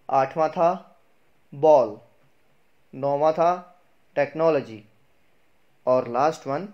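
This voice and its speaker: A man's voice: a little high, highs cut off. Guy teaching english pronunciation, repeats each word, asks then answers himself. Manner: repeats words slowly, asks and answers own questions. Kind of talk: explanatory video lesson.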